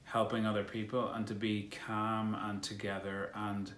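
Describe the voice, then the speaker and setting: A man's voice: lowish voice, level tone, normal speed, fairly bright tone, echoey room, slight background noise. A man co-hosting a casual vlog, talking in an encouraging, reflective way. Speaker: vlog co-host, actor.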